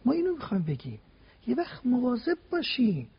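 High raspy guy preaching on tv, emphatic, lots of rhetorical questions, dull lo-fi sound. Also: wildly swooping pitch. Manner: emphatic, builds points step by step with rhetorical questions. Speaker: religious guest speaker. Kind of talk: preaching talk on a TV program.

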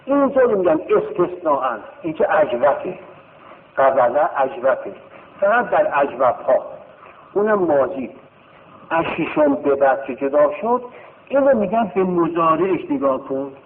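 A male teacher giving a classroom grammar lesson, drilling verb forms in a slow sing-song chant and checking with rhetorical questions. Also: a little high, big pitch swings, a little hiss or hum. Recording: tinny phone-like sound in a reverberant hall.

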